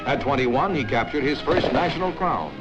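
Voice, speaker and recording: A man narrating an old newsreel in a brisk, emphatic announcer manner. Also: mid-range voice, animated. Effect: old newsreel soundtrack. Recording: dull lo-fi film soundtrack with music.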